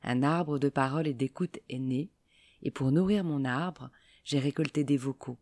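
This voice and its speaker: Woman, podcast host, scripted narration, measured delivery, warm dark voice. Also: a bass voice. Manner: measured, read-aloud delivery.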